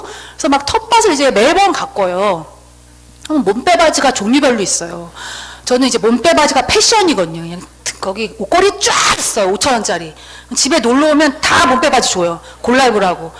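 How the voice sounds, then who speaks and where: Animated woman telling a story at a seminar. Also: high voice, rough recording. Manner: lively, acts out her own dialogue. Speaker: invited seminar speaker. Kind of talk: motivational storytelling speech.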